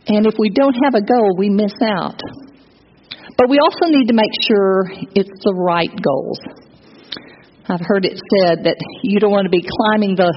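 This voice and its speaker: A pastor preaching a sermon in a conversational, personal way, with light humor. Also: mid-range voice. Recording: dull lo-fi recording with faint noise.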